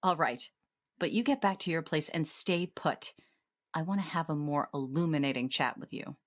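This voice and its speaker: A woman's voice: low-pitched, moderate pace. A woman playing a sardonic, authoritative police detective in an old-time radio-style mystery drama. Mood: commanding.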